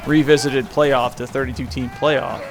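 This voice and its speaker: A man's voice: mid-range voice, flat delivery, moderate pace. A man hosting a gaming channel, casually rambling over the gameplay with lots of fillers and self-mocking asides.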